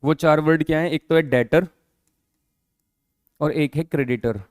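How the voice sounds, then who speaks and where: A man with a fairly high voice delivers an accounting lecture at a measured pace, explaining patiently and going back over the key terms. Every so often he stops to ask if the students understand. The recording is close and dry, free of room echo.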